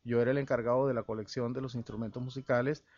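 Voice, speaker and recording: Halting man from El Salvador on radio. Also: medium pitch, flat delivery, a little mellow, no room sound. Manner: halting, with many fillers and restarts. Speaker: guest musician and researcher. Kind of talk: radio interview conversation. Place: radio studio. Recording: dull lo-fi radio broadcast.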